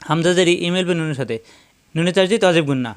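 A man teaching Arabic letter pronunciation in Bengali with a Bangladeshi accent, slowly drilling syllables one after another. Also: fairly high pitch, clear, resonant tone. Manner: slow, repeats syllables for drilling. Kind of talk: step-by-step recitation lesson.

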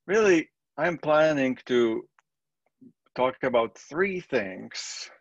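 A middle-aged man from the Czech Republic with a Czech accent, giving a relaxed, conversational recorded statistics lecture. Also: mid-range voice, slow, no room sound, highs cut off. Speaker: statistics professor.

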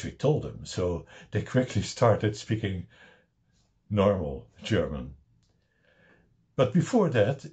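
Speaking from home on a webcam, an older man with a Dutch accent presents his own paper in a slow, measured slideshow lecture peppered with wry asides. He has a warm, mid-range voice.

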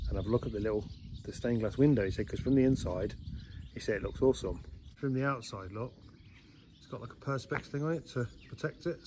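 A man's voice: mid-range voice, a little mellow. Middle-aged man, chatty rambling vlogger, handheld camera at arm's length, faint outdoor noise behind. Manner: chatty, rambling, often restarting sentences. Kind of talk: casual walking vlog chat. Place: outdoors in a village and inside a small stone church.

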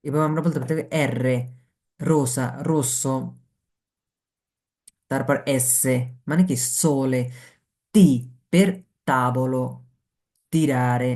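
A man's voice: medium pitch, darkish tone. Man teaching letter sounds. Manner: explains each letter slowly, asks and answers his own questions. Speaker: language teacher. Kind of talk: Italian pronunciation lesson taught in Bengali.

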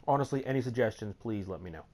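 A man's voice: on the low side, creaky, darkish tone, slight background noise. A young man commenting casually on his gameplay, rambling, muttering to himself and swearing often. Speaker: let's play gamer.

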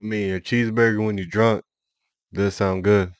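A man's voice: fairly low pitch, steady tone, moderate pace. A man hosting a reaction video, talking casually with slang and laughing at what he watches. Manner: laid-back, laughing, colloquial slang.

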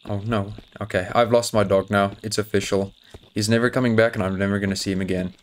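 A man's voice: on the low side, fairly even intonation, quick pace. A man playing a horror game, joking nervously and chatting to his in-game dog as he goes. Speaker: gaming YouTuber. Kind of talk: horror game let's play commentary.

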